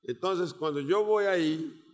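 A missionary preacher with a Portuguese accent gives a sermon with personal testimony, speaking slowly and deliberately with measured pauses. His voice is slightly raised and a little high. The long reverb of a large hall rings around his words.

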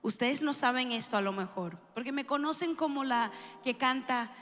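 A middle-aged woman from New York, a worship singer, giving her testimony to a church audience, engaging and warm, often questioning the crowd. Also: high-pitched, moderate pace. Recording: echoey hall with soft music.

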